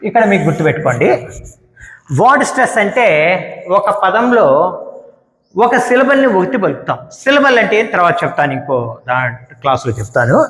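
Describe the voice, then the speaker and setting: A man teaching English word stress, explaining slowly and repeating each example word. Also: high voice, big pitch swings, fairly bright tone. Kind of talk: spoken grammar lesson. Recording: echoey room with long reverb.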